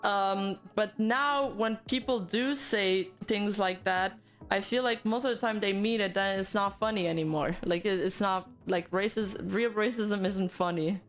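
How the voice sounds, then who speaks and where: A woman's voice: medium pitch, unhurried, soft background music. A woman hosting a livestream, chatting and commenting casually as she reacts to viewer comments. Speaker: livestream host.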